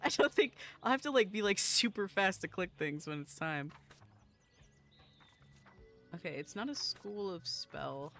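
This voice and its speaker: A streamer chatting casually with viewers while playing, giggly and quick to apologize. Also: medium pitch, animated, fairly bright tone, faint music behind. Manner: chatty, giggly, self-deprecating, talks to chat while playing. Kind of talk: casual game-streaming chat.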